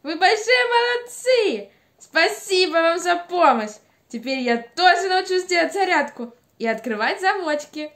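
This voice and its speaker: A woman puts on an eager little hippo from a children's puppet play. The voice is very high and lively in pitch, with a friendly, simple, childlike way of talking. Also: unhurried, heavily acted. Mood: delighted, grateful.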